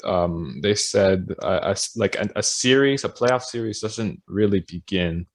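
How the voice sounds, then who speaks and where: Young male podcast co-host: lowish voice, hesitant, filler-heavy casual talk. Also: lively intonation, unhurried. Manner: hesitant, lots of fillers and restarts. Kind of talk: casual chat.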